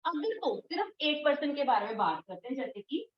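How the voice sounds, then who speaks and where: A woman teaching English grammar in an online class, patient, repeating and drilling words slowly. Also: high-pitched, sing-song, roomy sound, distant mic, muffled recording. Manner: firm when scolding students.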